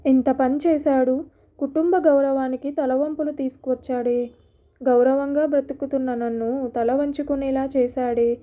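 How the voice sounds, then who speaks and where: A woman voicing a proud, angry middle-aged landlord who shouts furious threats. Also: sits high, fairly even intonation, unhurried, lo-fi sound. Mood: shamed.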